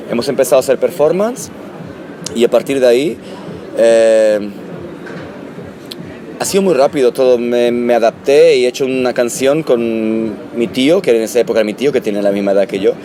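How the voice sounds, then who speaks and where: A man born in Italy, a musician answering interview questions in a halting, thoughtful way with many restarts. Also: medium pitch, expressive. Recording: loud music behind. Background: loud music.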